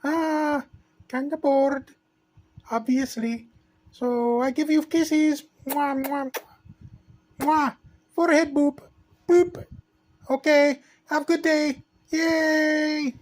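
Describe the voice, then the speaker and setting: A person playing a cheerful, playful princess who talks in a high sing-song voice and blows kisses, recorded in a hospital room. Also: fairly even intonation, slow pace. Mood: sweet.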